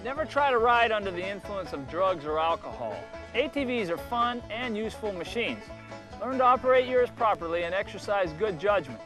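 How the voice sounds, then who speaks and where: An instructional narrator with a fairly high-pitched male voice reads a scripted safety lesson from a worn VHS tape copy. He gives firm warnings and clear dos and don'ts. Country guitar music is clearly heard under his voice. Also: sing-song, moderate pace, low-quality recording. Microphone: voice-over.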